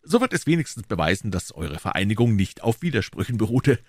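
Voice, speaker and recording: A man's voice: fairly low pitch, very animated, quick pace, no room sound, studio quality, pitched above the performer's own voice. A man reading aloud, voicing a polite, brave young male swordsman in a raised voice. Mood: astonished. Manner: polite, formal.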